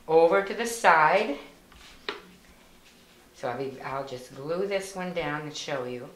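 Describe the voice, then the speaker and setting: A woman's voice: low-pitched, fairly bright tone. A woman giving patient, step-by-step instructions for a card-making craft, with plain wording and small fillers. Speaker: volunteer instructor. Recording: echoey room with faint noise.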